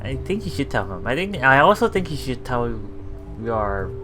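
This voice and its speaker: The host of this visual novel let's play speaks at normal speed and medium pitch with big pitch swings, hesitantly and casually commenting while reading and translating dialogue aloud. Game music with guitar plays in the background.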